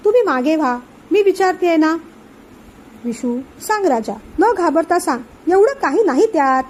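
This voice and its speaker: A woman's voice: extremely high pitch, animated, normal speed, slight background noise. A woman reading the part of a caring middle-aged aunt who coaxes affectionately. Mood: coaxing. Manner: coaxing, affectionate.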